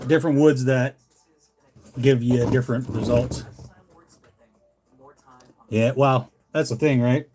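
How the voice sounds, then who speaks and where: This livestream host, a Canadian who makes lures for fun, has a medium-pitched, somewhat dark voice. He wanders through easygoing, folksy conversation with the people watching live, his accent clearly Canadian English.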